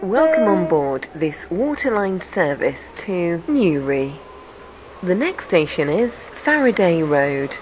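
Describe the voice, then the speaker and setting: A woman's voice: fairly low pitch, very animated, takes it slowly, long pauses, faint music behind, poor audio. A woman's recorded voice making automated onboard train announcements in polite, formal announcer phrasing. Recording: loud hiss with clicks.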